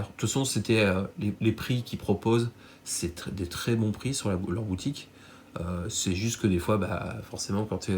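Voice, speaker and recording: A card collector YouTuber with a stuffy nose from a cold chats casually with viewers while showing off cards he bought, rambling with lots of fillers and restarts. His voice is fairly low, a little mellow and nasal, with slight background noise.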